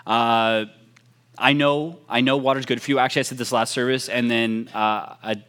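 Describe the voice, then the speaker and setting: A young man leads into his sermon with a relaxed, self-mocking anecdote. He talks like a youth pastor chatting with his congregation, full of fillers and asides. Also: mid-range voice, moderate pace, smooth. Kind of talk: casual sermon opening.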